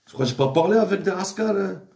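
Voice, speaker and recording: Gravelly, lively talking man. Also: high voice, fast talker, roomy sound, slight background noise. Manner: slangy, mixes in Arabic phrases, repeats words. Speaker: father addressing his daughter. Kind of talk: casual rambling monologue.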